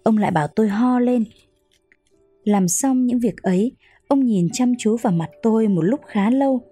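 A woman narrates an audiobook in a calm, measured way. Her voice is mellow and somewhat breathy. The recording is dry and close, with faint music underneath. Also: fairly high pitch, no room sound.

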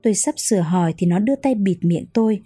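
Calm woman narrating an audiobook. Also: mid-range voice, slightly rough, no room sound, soft background music. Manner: calm, measured storytelling.

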